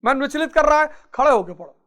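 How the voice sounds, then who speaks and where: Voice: high-pitched, expressive, fast, a bit bright. A spiritual teacher giving a motivational talk, urging listeners on and repeating key phrases.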